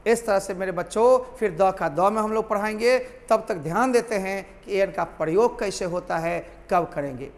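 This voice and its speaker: A man's voice: high-pitched, normal speed, hardly any pauses, in a large hall. A man teaching a grammar lesson to students, repeating key points and calling them his children.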